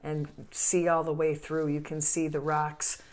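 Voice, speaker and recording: Low-voiced woman guest, measured. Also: completely flat delivery, darkish tone. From southern Italy. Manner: measured, explanatory, with frequent fillers. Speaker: podcast guest, songwriter. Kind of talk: casual interview chat.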